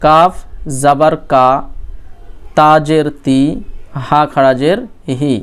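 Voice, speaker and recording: Slow, clear-voiced male recitation teacher. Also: fairly high pitch, fairly even intonation. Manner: spells out letters and vowels, then chants words slowly and drawn out.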